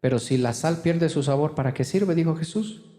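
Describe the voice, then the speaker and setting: Fervent male preacher in echoing church. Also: mellow. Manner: fervent preaching, often calling listeners "hermano"; rises sharply in pitch for emphasis, drops low and slow for solemn points. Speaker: pastor. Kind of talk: sermon. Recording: long reverb of a church hall.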